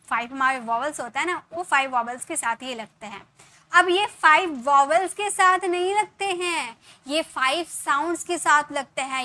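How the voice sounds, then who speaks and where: Female English teacher, high-pitched and bright, patient explainer who drills slow example sentences. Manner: explains slowly, repeats examples, asks viewers questions. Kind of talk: Hindi-English spoken grammar lesson.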